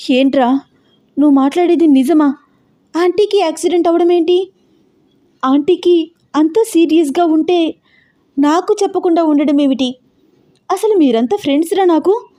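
A woman voicing an emotional, fiery young bride who fires off rapid, agitated questions. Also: on the high side, mellow, close to an everyday voice. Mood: upset.

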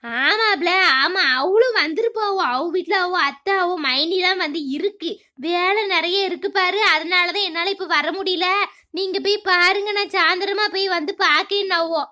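Lady doing a gossipy village auntie, deeper than her usual, bit far off. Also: normal speed, bright, forceful tone. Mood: chatty.

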